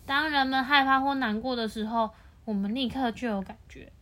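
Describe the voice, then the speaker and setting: A woman's voice: on the high side, fairly even intonation, fairly quick, bright, forceful tone. A woman reading a picture book aloud to a child, patiently explaining and asking the child questions.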